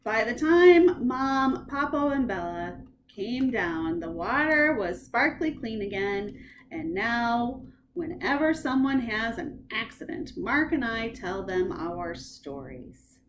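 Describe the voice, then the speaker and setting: A woman librarian reading bedtime stories aloud with expressive, animated storytelling. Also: a little high, takes it slowly, slight background noise.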